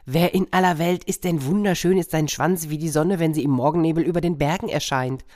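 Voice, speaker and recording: Woman voicing a storybook cat, unbothered and dry, low-key, a touch scornful. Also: fairly quick, mellow, close to an everyday voice. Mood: dismissive. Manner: dry, dismissive. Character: cool, unimpressed grown-up cat.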